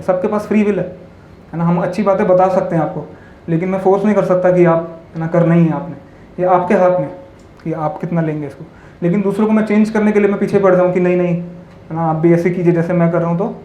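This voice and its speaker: A fairly high-pitched man with a dark, mellow tone, giving a spiritual talk to a hall audience. He tells simple parables and keeps asking his listeners tag questions. The sound is roomy and echoey, with faint ambience behind him. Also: steady tone, fast talker, highs cut off, a little hiss or hum. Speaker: monk speaker.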